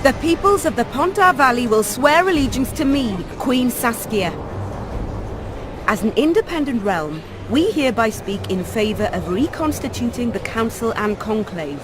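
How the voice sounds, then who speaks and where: A woman's voice: on the high side, expressive, moderate pace, music in the background, natural voice. A woman playing a proud, defiant young rebel queen in a video game, speaking formally and firmly. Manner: formal, firm. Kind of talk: video game dramatic dialogue.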